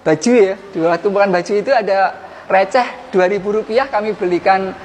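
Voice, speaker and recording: A man's voice: high-pitched, a little fast, slight background noise. A man with a Javanese accent, a former teacher who now runs a tutoring center, giving an earnest inspirational testimony and acting out the dialogue.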